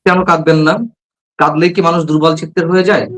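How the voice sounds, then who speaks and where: A man's voice: fairly high pitch, level tone, fast talker, fairly bright tone, rough recording. A man from Bangladesh, a journalist guest on a political talk show, arguing with passion and firing rhetorical questions.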